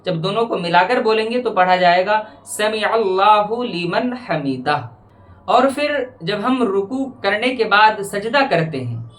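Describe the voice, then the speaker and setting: A man, a religious teacher, giving a measured lesson on prayer and slowly repeating phrases to correct pronunciation. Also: high voice, fairly bright tone.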